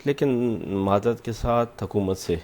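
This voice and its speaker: Low mellow-voiced insistent male politician. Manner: insistent, talks over the host. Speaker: opposition lawmaker, guest. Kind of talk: political talk show debate.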